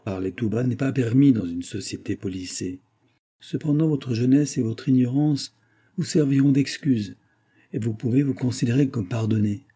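A man reading an audiobook and voicing a pompous, lecturing brewer's clerk who talks loudly and emphatically. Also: mid-range voice, husky, voice pushed up, lightly acted. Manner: lecturing, self-important, emphatic.

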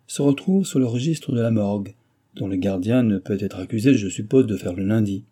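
A man voicing a defense lawyer with a measured, ironic manner. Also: on the low side, dark tone, breathy edge. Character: sly male defense lawyer.

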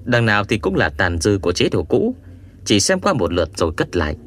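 A man reading an adventure audiobook aloud in a measured, expressive first-person storytelling manner. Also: on the low side. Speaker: audiobook narrator. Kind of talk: scripted first-person narration.

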